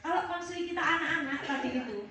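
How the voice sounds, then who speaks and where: A woman's voice: high voice, fast, pushed and bright. A woman leading a counseling workshop, explaining and asking the audience questions. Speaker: counseling trainer. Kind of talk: workshop lecture. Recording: echoey hall, distant mic, background noise.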